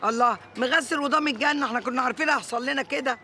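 An actress playing an earthy, blunt working-class older sister, scolding in Egyptian Arabic. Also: female voice, sits high, rapid-fire, pushed and bright, a little hiss or hum. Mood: exasperated. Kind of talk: TV drama acting.

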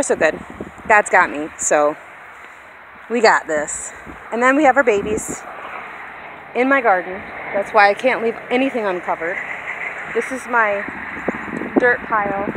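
Filming herself on a handheld phone at arm's length, a thirtysomething hobby farmer and vlogger chats informally to viewers, poking fun at herself. She's outside in an open, grassy yard, and the audio is windy, with outdoor noise and a vehicle-like rumble underneath.

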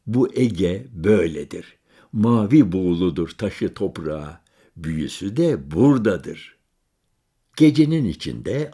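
A man narrating a literary story in the first person, calm and measured, lingering over lists. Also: lowish voice, husky. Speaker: audiobook narrator.

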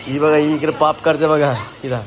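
A man's voice: on the high side, level tone, normal speed. A man vlogging casually with a handheld phone camera, chatting directly to his viewers as he moves around town outdoors and in his vehicle. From Maharashtra, India. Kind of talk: casual vlog narration. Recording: noisy outdoor street recording.

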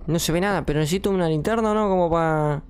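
A man's voice: a little high, fast talker, a little hiss or hum. A young man with an Argentine accent giving jumpy, swearing commentary while playing a horror game and talking to his viewers. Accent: Argentine Spanish. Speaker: gaming streamer.

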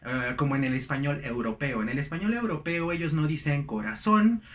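A man's voice: fairly high pitch, brisk, echoey room. A young man teaching English pronunciation, repeating each word several times with stress. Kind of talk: slow, deliberate pronunciation lesson.

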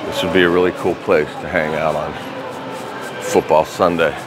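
A man's voice: sits low, little pitch movement, normal speed, over music. A middle-aged man casually touring a casino hotel and giving practical travel tips on a handheld phone camera. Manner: chatty, easygoing, practical tips. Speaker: travel vlogger. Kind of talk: casual walking tour and review. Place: hotel casino and hotel room, indoors.

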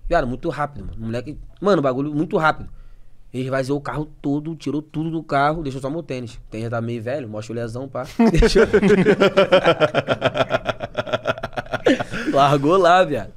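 A man's voice: mid-range voice, racing. A young man, a podcast guest telling a story in rambling, slangy casual talk and laughing often.

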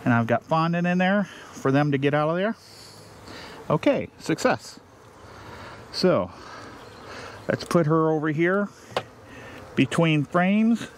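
A man, a beekeeper, explaining his steps in a casual, unhurried way while he works outdoors. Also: a little high, expressive, a little hiss or hum. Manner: plain, unhurried, thinking aloud while working. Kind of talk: casual how-to narration. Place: outdoors beside a beehive. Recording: faint outdoor ambience with buzzing bees.

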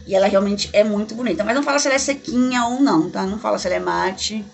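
A woman's voice: medium pitch, very fast, vocal fry. A woman from Brazil reviewing makeup on her home vlog, gushing and chatty, talking to viewers like friends, recorded in her bedroom. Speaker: beauty vlogger. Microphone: camera mic in a bedroom.

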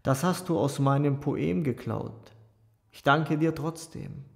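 Wry argumentative young guy read by a man, slow gravelly delivery, reverby. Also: on the high side. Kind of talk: audiobook character voice.

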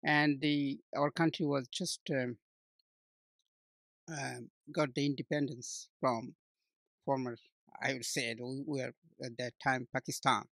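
A man in his sixties from Bangladesh, talking as an interview guest, halting often with fillers and restarts. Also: medium pitch, fairly even intonation, vocal fry, no echo. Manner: hesitant, many restarts and fillers, warm laughs. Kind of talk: conversational interview.

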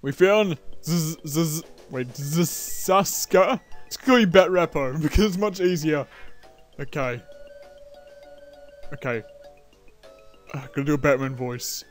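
A young man giving casual gameplay commentary as a let's play host, chatty and self-mocking, with frequent laughs and excitable outbursts. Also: a little high, a little slow, pauses often, faint music behind.

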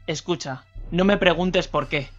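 A man's voice: a little high, a little slow, lightly acted. Anxious but firm older man, read by a male narrator; urgent delivery over faint music. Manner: urgent, insistent. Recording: slightly dull radio recording, faint music.

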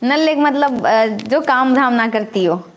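A woman's voice: a little high, animated, slow pace, slight background noise. A middle-aged housewife hosting a casual live stream, chatting and teasing back as she reads viewer comments.

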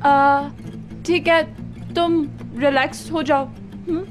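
A woman's voice: high-pitched, fairly even intonation, slow. An actress playing a coy, theatrical woman in her thirties in a dubbed TV drama. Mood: soothing. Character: teasing, theatrical woman turning soothing. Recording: music under the voice.

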